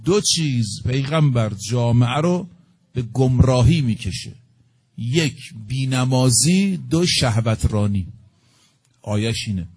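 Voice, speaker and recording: A man's voice: medium pitch, animated, a little mellow, husky, faint music behind. Middle-aged man preaching a story-driven sermon. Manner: storytelling, acting out dialogue with rising emphasis.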